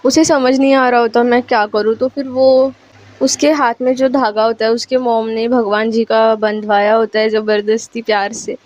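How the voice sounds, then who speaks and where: A woman's voice: on the high side, flat delivery, moderate pace, a little mellow. Chatty woman telling a love story. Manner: chatty, mixes English words into her speech. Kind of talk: casual story narration. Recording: lo-fi recording.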